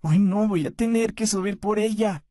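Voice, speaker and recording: A performer voicing a gentle, soft-spoken male puppet in a fan dub, talking in a slow, soothing way. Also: mid-range voice, dry recording, studio quality, close to an everyday voice.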